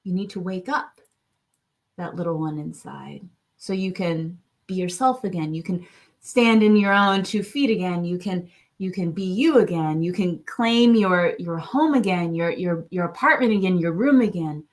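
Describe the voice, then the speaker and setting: A woman teaching a gentle self-care practice, speaking softly and soothingly, often checking in with "right?" and sometimes dropping to a near whisper. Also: fairly low pitch, normal speed. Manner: soft, soothing, often drops to a hush; frequent checking "right?", searching restarts. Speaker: wellness teacher.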